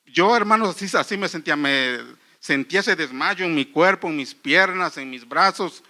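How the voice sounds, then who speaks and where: A middle-aged man preaching a sermon in church, earnest and halting, often restarting phrases and calling the listeners brothers. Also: a little high, bright, forceful tone. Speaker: pastor.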